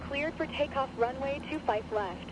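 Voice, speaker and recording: A woman voicing a procedural air traffic controller in a game, giving scripted clearances. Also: moderate pace, lightly acted. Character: procedural female tower controller. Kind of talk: scripted aviation radio phraseology. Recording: clear background noise, aircraft rumble.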